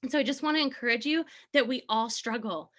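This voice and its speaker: A woman in her thirties gives a motivational talk to her team. Her voice sits a little high, and she speaks in an earnest, encouraging way. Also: quick pace, fairly bright tone. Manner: earnest, encouraging, sometimes laughing. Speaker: team leader.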